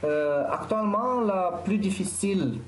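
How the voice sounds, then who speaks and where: A man with a Romanian accent, a doctoral student introducing himself haltingly with constant filler sounds. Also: high voice, lively intonation, roomy sound, slight background noise. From Bucharest, Romania. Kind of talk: self-introduction.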